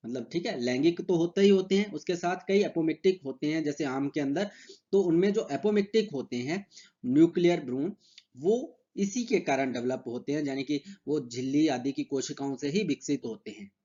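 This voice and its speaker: A man giving a horticulture lecture in a casual explaining manner. He reads English phrases slowly, then explains them in Hindi with many fillers, speaking English with an Indian accent. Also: fairly high pitch, lively intonation, warm tone, dull audio. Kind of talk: recorded university lecture.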